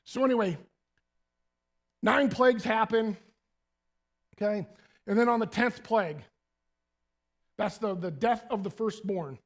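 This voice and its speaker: Male preacher, high voice, animated and conversational, church sermon. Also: measured pace, long pauses. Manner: animated, talks to the congregation directly.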